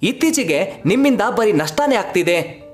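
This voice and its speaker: A man's voice: high voice, sing-song, normal speed, soft background music. A man voicing an angry, short-tempered grown son who scolds his mother in a harsh voice.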